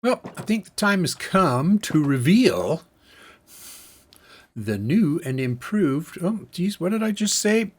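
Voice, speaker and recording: An unhurried let's-play host muses aloud through a building session. The voice carries a soft, husky grain, and the delivery is relaxed and deliberate, working through counts and plans one step at a time. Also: medium pitch. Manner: musing aloud, thinking through tasks step by step. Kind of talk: casual gameplay commentary.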